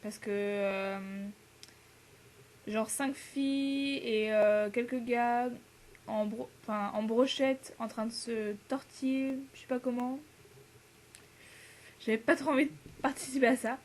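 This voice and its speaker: A slightly high, steady voice comes slowly from a teenage girl, a French exchange student. She talks to the camera in a relaxed way, peppering her speech with fillers, laughter and English words.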